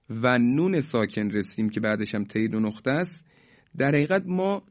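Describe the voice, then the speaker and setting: A man's voice: medium pitch, darkish tone. Formal man teaching recitation, muffled recording. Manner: slow, drawn-out recitation of examples, asks listeners to repeat; polite, formal teaching phrasing. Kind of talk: tajweed lesson with recited examples.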